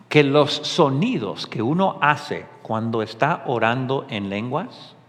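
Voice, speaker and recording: A man preaching a sermon as pastor, animated and full of rhetorical questions. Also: mid-range voice, big-room sound.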